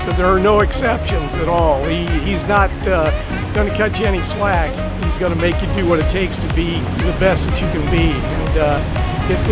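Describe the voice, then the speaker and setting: A man's voice: sits high, poor audio. A man in his sixties from New Hampshire, giving an enthusiastic, emphatic testimonial outdoors on a beach. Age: 60s. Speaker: paramotor student. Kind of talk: testimonial to camera. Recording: loud music underneath.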